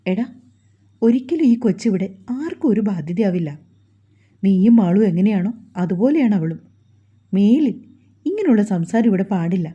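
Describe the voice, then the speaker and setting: A woman's voice: mid-range voice, lively intonation, normal speed, pauses often, warm tone, husky. A woman voicing a protective, kind older mother in a storybook reading, firm but consoling, on a dull lo-fi recording.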